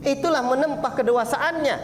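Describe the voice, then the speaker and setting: A man's voice: extremely high pitch, brisk. Man, preacher, religious lesson, rhetorical questions, acts out parent and child talk, small prayer hall, faint background hiss. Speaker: Islamic preacher.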